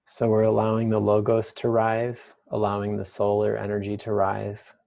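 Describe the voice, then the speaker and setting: Low, creaky man guiding a mystical meditation. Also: completely flat delivery, moderate pace, mellow. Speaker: guided meditation leader. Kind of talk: guided meditation.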